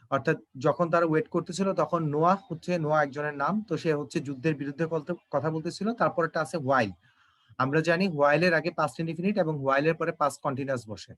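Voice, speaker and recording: A young man with a somewhat high-pitched voice walks students through English exam questions. He explains each answer patiently and talks straight to the class. He slows right down when he reads the English sentences aloud. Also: a bit bright. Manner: explanatory, addresses students directly, slow when reading English. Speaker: teacher. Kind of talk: exam-prep English lesson.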